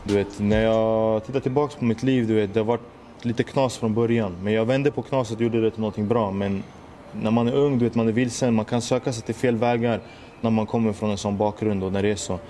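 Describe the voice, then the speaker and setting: There's slight background noise as this young Swedish musician, his voice fairly low, steady and mellow, earnestly recounts his life story. His monologue leans heavily on street slang and the filler "du vet."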